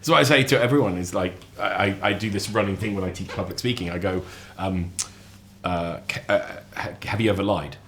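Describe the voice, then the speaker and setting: A man chatting as a podcast guest, lively and animated, often repeating and restarting his words. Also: fairly quick, a little hiss or hum. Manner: animated storyteller, acts out quotes with sudden high voices. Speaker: lecturer. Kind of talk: casual chat.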